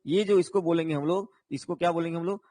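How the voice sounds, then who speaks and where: A man teaches an online exam-prep lesson, explaining patiently, tagging his lines with "है ना" and answering viewers' comments as he checks in with them. His voice is fairly high and warm, his pace quick, with no room sound.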